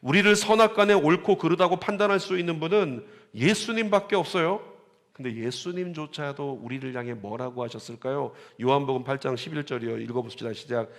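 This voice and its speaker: A man preaching a Sunday sermon as pastor, animated and calling on the congregation to repeat lines and read along. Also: a little high, brisk. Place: church sanctuary. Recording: church sanctuary with long reverb.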